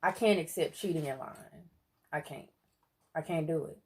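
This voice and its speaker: Low-voiced woman chatting over a meal. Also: normal speed. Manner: earnest and emphatic, with bursts of loud exclamation. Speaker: mukbang co-host. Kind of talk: casual chat while eating. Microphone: close mic for eating sounds.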